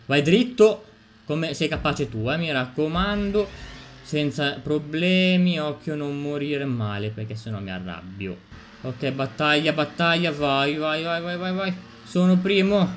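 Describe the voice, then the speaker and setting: Excitable male streamer, rapid repetitive game commentary, faint noise bed. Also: fairly high pitch. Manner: excitable, repeats phrases, swears. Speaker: gameplay streamer.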